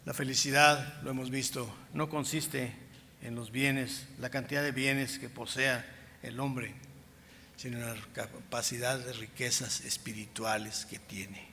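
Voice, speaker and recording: An older man with a Mexican accent, a pastor preaching a sermon with personal testimony, speaking emphatically and slowing down as his voice swells louder on key points. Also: mid-range voice, flat delivery. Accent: Mexican Spanish. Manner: emphatic, slow stretches rising in loudness, acts out past dialogues. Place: church sanctuary. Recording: long church reverb, faint room noise.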